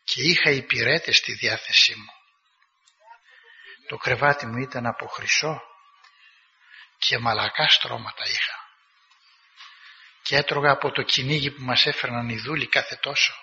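A man voicing an aged former senator turned hermit, speaking in a calm, measured, slightly lower voice. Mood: calm, reflective. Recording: dull recording with long hall reverb.

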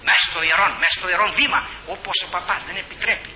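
An older man, an Orthodox priest preaching an impassioned sermon that swings from shouting to hushed tones. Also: high voice. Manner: impassioned, shouting then dropping to a hush. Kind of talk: fiery sermon. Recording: dull lo-fi old recording with faint hiss.

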